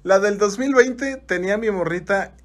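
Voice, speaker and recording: A man's voice: high-pitched, moderate pace. A young man with a Mexican accent, co-hosting a casual podcast and retelling stories with playful, teasing slang. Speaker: podcast co-host. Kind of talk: casual chat.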